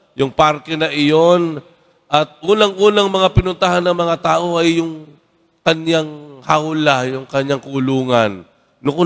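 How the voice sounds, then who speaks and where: Priest guy preaching in a big church, kinda high voice, tells stories casually, lots of echo. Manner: conversational, tags "no?" after phrases; animated storyteller, acts out quoted voices. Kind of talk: homily with storytelling. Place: large church. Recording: long church reverb.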